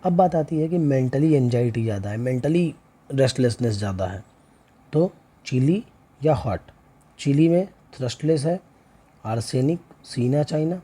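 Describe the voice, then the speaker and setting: A man's voice: mid-range voice, expressive, normal speed, warm tone, slightly rough. A man teaching homeopathy, going through a chart and listing remedy names one after another with frequent check-ins. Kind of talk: lecture walking through a chart.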